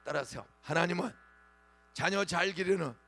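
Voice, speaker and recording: A man in his sixties preaches in a church, high and gravelly, his pitch leaping and falling. He talks in a bright, forceful voice and keeps prodding the congregation with quick questions. Faint music sits behind him. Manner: animated preaching with call-and-response prompts. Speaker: pastor. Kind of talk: dawn revival sermon. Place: church sanctuary.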